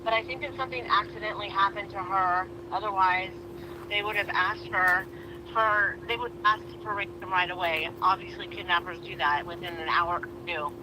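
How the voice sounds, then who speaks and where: Woman caller heard through a speakerphone, casual and hesitant, with clear noise on the line. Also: mid-range voice, fairly even intonation, moderate pace. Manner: hesitant, restarts and fillers. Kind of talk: casual call-in chat. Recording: noisy speakerphone call.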